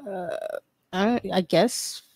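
A woman, a podcast guest giving halting, hesitant answers. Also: medium pitch, a little mellow, no room sound, studio quality. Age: 20s. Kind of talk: casual panel chat.

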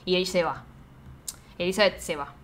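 A woman's voice: fairly low pitch, a little fast, a little hiss or hum. A woman with an Argentine accent retelling a film scene by scene in casual, slangy chat, often laughing. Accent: Argentine Spanish.

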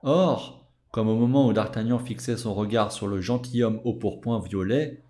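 A man hosting a podcast, reading a classic novel aloud in a measured, expressive storytelling manner. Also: medium pitch. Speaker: podcast host and audiobook reader. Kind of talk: audiobook reading.

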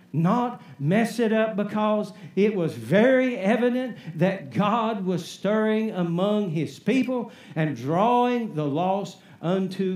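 High-pitched emphatic preacher man. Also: a little mellow. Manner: emphatic, call-and-response preaching with "Amen?". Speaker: pastor. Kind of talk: sermon. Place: church. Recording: echoey church sanctuary.

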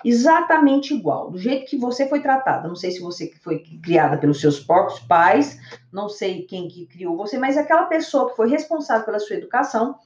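A woman talks to her listener as a self-help coach, coaxing and encouraging. Her voice sits a bit high. The room echoes around her on a slightly muffled recording. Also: expressive, brisk. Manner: warm, coaxing, addresses listener directly. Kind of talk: motivational self-help podcast talk.

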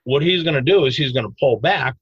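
A man explaining self-defense techniques in a podcast interview, animated and emphatic, breaking into loud mock outbursts. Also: medium pitch, fast, slightly rough, no room sound, lo-fi sound.

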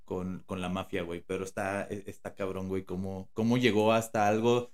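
A man's voice: sits low, little pitch movement, fairly quick. A man with a Mexican Spanish accent co-hosting a podcast in casual chat, slangy and rambling, with many fillers and restarts. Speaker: podcast co-host.

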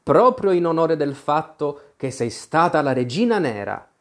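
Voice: mid-range voice, very animated, a little slow. A storyteller voicing an eager, imaginative little girl in an audiobook, talking fondly and with a lilting lift. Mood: chattering fondly.

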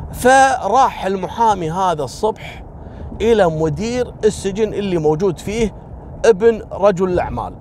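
A man's voice: a little mellow, a little hiss or hum. A man telling a spoken story casually, lifting his voice to act out the characters. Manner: acts out quoted characters with raised pitch.

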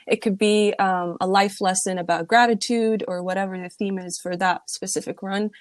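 Relaxed young woman with a dry sound. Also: mid-range voice, normal speed, no room sound. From Middle East or North Africa. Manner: relaxed and reflective, with many ums and likes. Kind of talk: casual chat.

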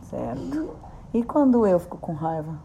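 A woman gently asking her children questions. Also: lowish voice, very animated, unhurried, vocal fry, highs cut off, slight background noise. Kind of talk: casual chat.

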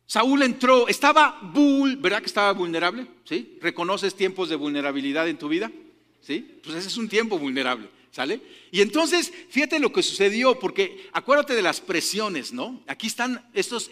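A man preaching a sermon as a pastor, lively and often checking in with his listeners through quick questions. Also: high-pitched, in a large hall.

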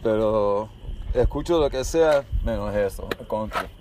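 A man raised in the United States, a skydiving guest in a casual interview, talking in a calm, matter-of-fact way and mixing in English words. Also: on the low side, a little slow. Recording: noisy outdoor street recording.

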